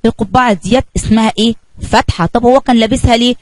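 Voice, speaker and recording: A woman with an Egyptian Arabic accent, teaching kindergarten children by telling a story and asking questions in an animated way. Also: fairly high pitch, very fast, no room sound, rough recording. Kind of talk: children's lesson narration.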